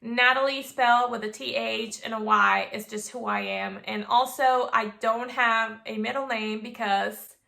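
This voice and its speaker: A woman's voice: fairly high pitch, steady tone, unhurried, gravelly, hardly any pauses, sharp tone. A woman in her twenties from Venezuela, chatting casually to camera as a vlogger, bubbly with playful asides. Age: 20s.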